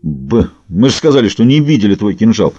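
A man voicing a cautious male treasure digger who tries to calm others softly. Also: on the low side, fairly quick, no room sound, dull audio. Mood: placating. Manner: soft, placating.

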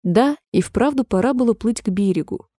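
A woman narrating a storybook in a measured, gentle reading voice. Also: mid-range voice, dry recording, clean studio sound.

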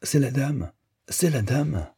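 A man voicing a lively, cheeky little girl with an excited, piping delivery. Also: mid-range voice, takes it slowly, breathy edge, dry recording, studio quality, pitched above the performer's own voice, heavily acted.

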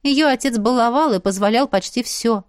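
A woman reading a first-person fantasy audiobook in a steady, even storytelling voice. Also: a little high, normal speed, smooth, dry recording, clean studio sound. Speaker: audiobook reader.

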